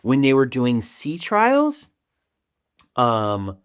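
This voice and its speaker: A man's voice: mid-range voice, wildly swooping pitch, drawn-out words, clean tone, no echo, clean studio sound. A young man co-hosting a casual podcast, rambling with restarts and casual swearing. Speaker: podcast co-host. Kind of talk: casual chat.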